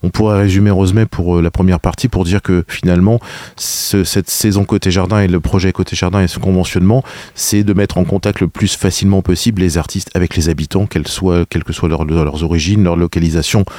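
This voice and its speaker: A man with a very deep voice hosts a radio programme in a studio, talking quickly and recapping what his guest said. The sound is dry and close to the microphone. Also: fairly even intonation, mellow, no room sound. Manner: quick, summarizing, many fillers. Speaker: radio host. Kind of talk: radio interview hosting.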